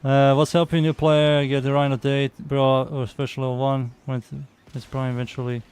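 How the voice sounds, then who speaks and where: A young man with a Serbian accent streams a game and chats casually, muttering to himself and reading viewer messages aloud in an easygoing way. His smooth, mid-range voice is level and darkish, at a normal speed.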